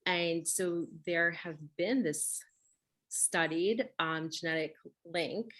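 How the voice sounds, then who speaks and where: In an emphatic, conversational interview, the host, a woman raised speaking Russian, repeatedly checks in with "right?". She speaks at a slow pace in a voice on the low side that sounds a bit bright.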